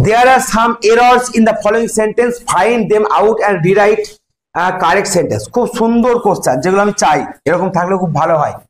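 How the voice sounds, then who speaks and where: A man with a Bengali accent teaching an English grammar lesson to a class, explaining step by step and asking students questions. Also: sits high. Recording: echoey classroom.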